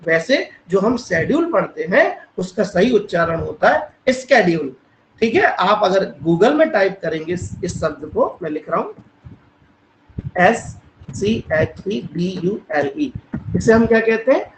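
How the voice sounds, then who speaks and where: A man's voice: high-pitched, reverberant, slight background noise, poor audio. A man from India teaching an online English class. He spells words out letter by letter and checks in often with his students. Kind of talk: online English grammar lesson. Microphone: online class call.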